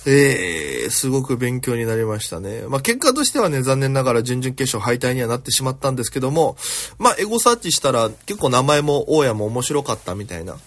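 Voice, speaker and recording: A man's voice: mid-range voice, very animated, brisk. A male comedian hosting his own podcast, telling a rambling story alone with plenty of fillers, recorded at home. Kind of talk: solo storytelling chat.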